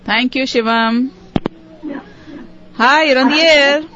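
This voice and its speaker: A woman hosting a radio call-in quiz in a smooth on-air host manner, friendly and patiently encouraging callers. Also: high-pitched, takes it slowly. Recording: muffled radio broadcast audio, faint hiss.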